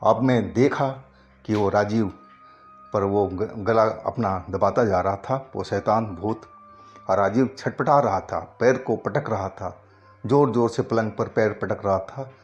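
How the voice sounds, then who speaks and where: A man telling a first-person ghost story in Hindi narration, slow and halting with frequent pauses and restarts. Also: lowish voice, a little mellow.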